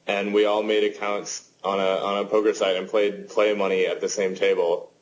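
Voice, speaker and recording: 20-something guy telling his poker story, lowish voice, faint hiss behind. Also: normal speed, rough recording. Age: 20s. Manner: relaxed, rambling with many fillers and restarts. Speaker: poker player guest. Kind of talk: casual interview answers.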